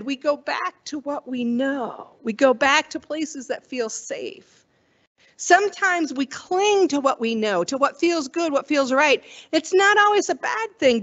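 A woman's voice: sits high, muffled recording. A woman pastor giving a sermon in a conversational way, wondering aloud and acting out the quoted voices.

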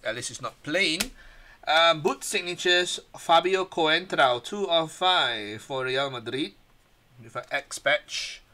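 A man hosting a card break, casually reading out player names one by one, his voice a bit hoarse. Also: a little high, animated, takes it slowly, bright, forceful tone, slight background noise.

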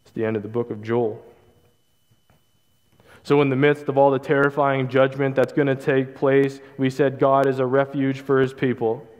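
Young pastor preaching in a reverberant hall. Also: male voice, mid-range voice, level tone, a little mellow. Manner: earnest, measured preaching with emphatic repetition. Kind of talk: sermon. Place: church stage, large hall. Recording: hall reverb, dull lo-fi sound.

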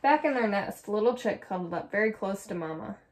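A young adult woman reading a children's picture book aloud with clear, soft storytelling narration. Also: medium pitch, expressive, brisk, slight background noise. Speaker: storybook reader.

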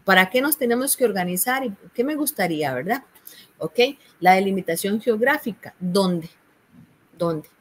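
A woman with a Costa Rican accent explains an assignment like a patient university tutor. Her pitch sits in a middle range, and she leans on small check-ins and fillers as she talks the students through each step. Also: expressive, normal speed, a little hiss or hum. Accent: Costa Rican Spanish. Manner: patient, explanatory, frequent "¿verdad?" and "este".

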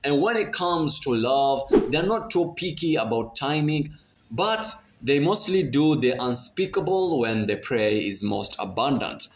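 A man's voice: medium pitch, expressive, unhurried. A man reading scripted nature documentary narration in a dramatic way with a playful edge. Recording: roomy voice-over, faint noise.

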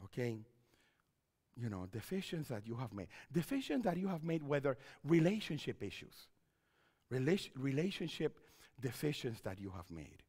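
A middle-aged man, a pastor and counselor, gives an animated seminar talk from a church stage with a headset mic, often repeating his phrases. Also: medium pitch, moderate pace, breathy edge, long reverb tail. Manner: animated, repeats phrases, wide hand gestures while pacing.

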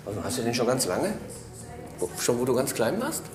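A man in his sixties playing a police detective, talking gently and coaxingly to a child. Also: mid-range voice, big pitch swings, moderate pace, over music. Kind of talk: scripted reality TV acting. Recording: echoey room with hiss.

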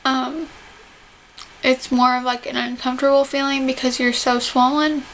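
High-pitched, even-toned young woman, slightly tight-jawed. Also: moderate pace, vocal fry. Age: young adult. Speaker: vlogger describing surgery recovery. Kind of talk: casual talk to camera. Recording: noisy home camera audio.

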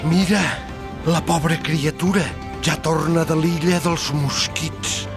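A man's voice: on the high side, fairly even intonation. A man playing a mocking gossip commentator in a comic sketch. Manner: sly, gossipy, slow. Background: loud music.

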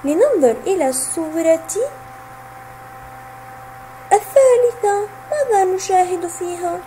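A woman teacher with a high, warm, mellow voice that swings up and down a lot. She speaks slowly and sounds out each letter and word for small children. A faint hum runs under the recording. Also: expressive, rough recording. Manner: slow, clearly sounding out letters and words; asks questions, then answers them herself. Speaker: kindergarten teacher.

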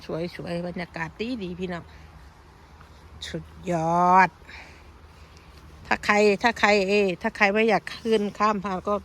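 A woman's voice: medium pitch, fairly even intonation, brisk, hardly any pauses, fairly bright tone, a little hiss or hum. A woman from the northeast, speaking, chatting casually to her viewers as she walks a woodland path filming on her phone. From Thailand. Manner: chatty, keeps addressing viewers as friends while pointing things out. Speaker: vlogger. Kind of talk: casual walking vlog.

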